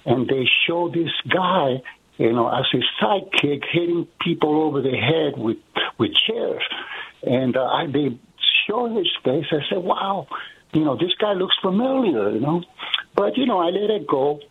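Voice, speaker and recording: A husky man in his sixties from Puerto Rico, raised in Brooklyn, calling in to a radio show. He tells his story earnestly and peppers it with "you know". He comes through a tinny phone line. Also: a little high, expressive, measured pace. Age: 60s. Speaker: radio caller. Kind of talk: personal storytelling on a call.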